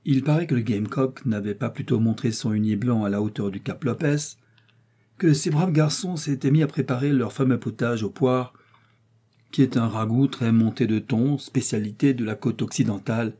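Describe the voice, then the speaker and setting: A man reading a classic story aloud as an audiobook narrator, in a measured storytelling manner. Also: mid-range voice, warm tone, breathy edge. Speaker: audiobook reader. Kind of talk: scripted literary narration.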